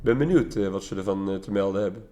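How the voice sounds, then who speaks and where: A man's voice: low voice, quick pace, warm tone, soft background music. A Dutch man giving casual let's play commentary, musing aloud in an offhand way.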